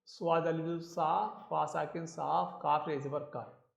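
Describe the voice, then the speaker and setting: A man's voice: fairly high pitch, fairly even intonation, slow pace, gravelly, roomy sound, muffled recording. A man teaching Urdu script, patiently spelling words out letter by letter. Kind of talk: slow spelling lesson.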